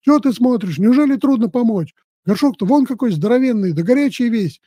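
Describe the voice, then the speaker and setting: A man's voice: high-pitched, animated, fairly quick, mellow, breathy edge, no room sound. A man voicing a fretful, jealous young village wife who scolds shrilly and pleads tearfully, in a storybook reading. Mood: scolding.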